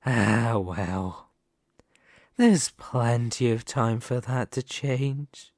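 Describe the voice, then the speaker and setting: A man playing a dominant, vain and possessive demon lord in an ASMR roleplay, speaking formally and theatrically with deliberate dramatic pauses. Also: medium pitch, a little mellow, no room sound, studio quality. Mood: coolly possessive. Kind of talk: ASMR roleplay character monologue.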